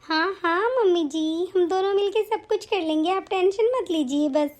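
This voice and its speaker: A woman voicing a calm, caring elder daughter-in-law in an animated story. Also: very high-pitched, normal speed. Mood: reassuring. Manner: soothing, reassuring.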